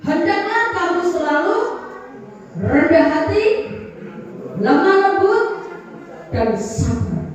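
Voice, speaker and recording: A woman pastor preaching a sermon, calling out to the congregation, with singsong rises and sudden low drops. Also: very animated, takes it slowly, pauses often. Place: large church hall. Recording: echoey hall, voice from far off.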